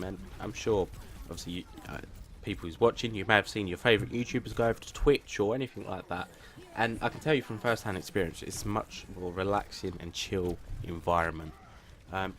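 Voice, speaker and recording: With a little hiss or hum in the background, a man speaks to his viewers about his gaming channel in a somewhat low, plain, flat voice. His casual talk is hesitant and rambling, with frequent restarted sentences, and he repeatedly runs himself down.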